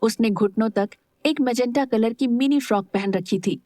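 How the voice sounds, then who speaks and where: A woman narrating an audio story smoothly in a steady storytelling style. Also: fairly high pitch, normal speed, no room sound.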